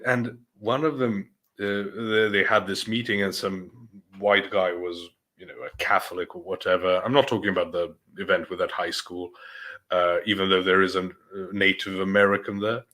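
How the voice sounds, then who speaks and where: A man's voice: low-pitched, fairly even intonation, moderate pace, pushed and bright. A man co-hosting a podcast, talking in a rambling, hesitant way with frequent chuckles. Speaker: podcast co-host. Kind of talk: casual chat.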